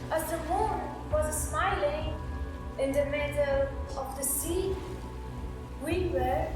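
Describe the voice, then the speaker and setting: A woman giving a slow, dramatic poetry recitation, heard in an echoey, distant recording over music. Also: high voice.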